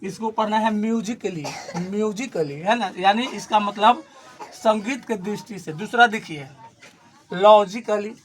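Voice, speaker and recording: A male teacher giving a classroom grammar lesson, explaining slowly and repeating points, asking questions and answering them himself, pointing to a board. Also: sits high. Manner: repetitive, asks and answers own questions; slow, stressed explanation.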